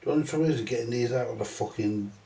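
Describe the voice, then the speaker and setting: A repair channel host in middle age, nursing a stuffy cold, works through a repair in his small, cluttered electronics workshop, slow and meandering, with casual swearing and self-mockery. His voice is medium-pitched. Recorded distant from the mic, it sounds roomy with background noise.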